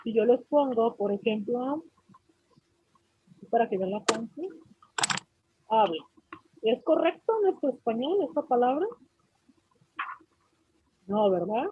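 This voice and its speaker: A woman's voice: on the high side, animated, measured pace, pauses often, slightly rough, no room sound, narrow, tinny audio. A woman teacher with a Mexican accent, lecturing a class and often checking that her students follow. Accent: Mexican Spanish. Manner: explanatory, asks students frequent check-in questions.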